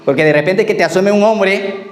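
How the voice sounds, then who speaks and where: A male pastor preaching a sermon and telling personal stories, acting out the dialogue and sometimes trailing off quietly. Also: high-pitched, moderate pace, roomy sound. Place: church.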